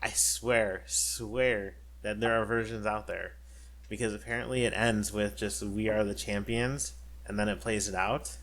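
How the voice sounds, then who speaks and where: Rambling low-voiced male podcast host. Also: steady tone, normal speed, a bit bright, slight background noise. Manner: rambling, lots of fillers and restarts. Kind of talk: casual chat.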